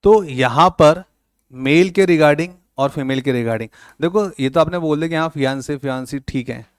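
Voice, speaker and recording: A man's voice: on the high side, moderate pace, smooth, no echo, clean studio sound. A man teaching a classroom lecture, joking with and quizzing his students, mixing with words. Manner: playful, teasing students with questions.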